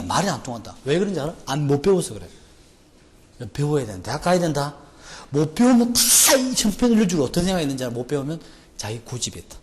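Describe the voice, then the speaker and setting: A male teacher with a Gyeongsang accent giving a jokey classroom lecture, firing rhetorical questions at students. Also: on the high side. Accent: Gyeongsang Korean. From Gyeongsang region, Korea. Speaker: English vocabulary lecturer. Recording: lecture hall reverb, faint noise.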